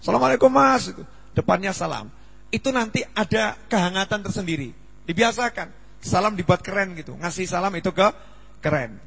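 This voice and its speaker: A man in his forties giving a humorous sermon at a study gathering, lively and acting out dialogue with big jumps in voice. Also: sits high, fairly quick, vocal fry, slightly rough. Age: 40s. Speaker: preacher. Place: Islamic study gathering hall. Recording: long reverb in a hall.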